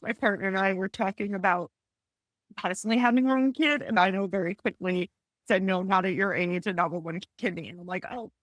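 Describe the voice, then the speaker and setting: Tearful woman in her forties, halting. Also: medium pitch, no room sound. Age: 40s. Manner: halting, with frequent restarts and apologies. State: tearful, close to crying. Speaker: panelist. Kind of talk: emotional personal testimony on a panel.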